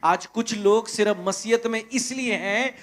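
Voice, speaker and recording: A man preaches a sermon in an Indian Hindi accent, unfolding a parable in a slow, deliberate way. His voice sits high for a man, and he swings from loud, urgent peaks to hushed, quiet lines. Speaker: pastor. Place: church.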